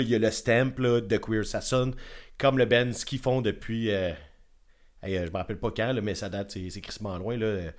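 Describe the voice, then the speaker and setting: A man with a Quebec French accent hosting a casual music review chat, rambling and enthusiastic with casual swearing. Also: fairly low pitch. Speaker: podcast host.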